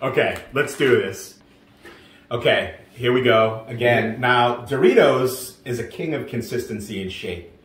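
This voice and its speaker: A man hosting a casual snack review at home, playful and quick to laugh. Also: mid-range voice. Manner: playful, animated, laughs often. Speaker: host of a snack review show. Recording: roomy echo.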